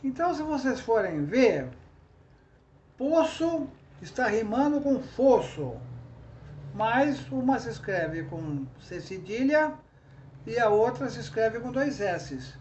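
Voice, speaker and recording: A man from Brazil giving an informal lesson on writing verse, slowly and patiently counting out syllables. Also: very high-pitched, very animated, a little mellow, muffled recording, a little hiss or hum. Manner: slow, patient, spells out syllables. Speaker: poetry teacher.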